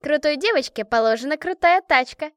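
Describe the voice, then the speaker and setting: Brash, boastful young woman, voiced by a female narrator, high and loud. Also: lively intonation, fairly quick, dry recording, studio quality.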